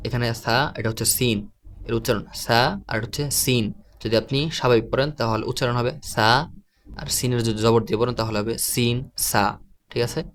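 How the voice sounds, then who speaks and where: In a recorded online lesson, a man with a medium-pitched voice teaches the pronunciation of Quranic letters, explaining slowly and patiently and repeating every letter sound.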